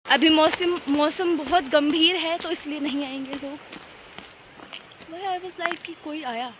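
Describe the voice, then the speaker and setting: A woman's voice: high-pitched, slow. A young woman vlogging while walking a mountain trail, chatty and self-mocking, tired from the climb, talking into a handheld phone. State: tired from hiking. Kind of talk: casual hiking vlog. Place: mountain trail outdoors by a river. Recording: faint background noise of a river.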